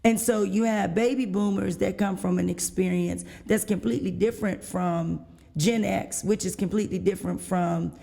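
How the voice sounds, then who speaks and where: A woman's voice: mid-range voice, steady tone, moderate pace, vocal fry, warm tone. A middle-aged woman hosting a casual interview, reflective and building on her guest's points. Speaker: podcast host.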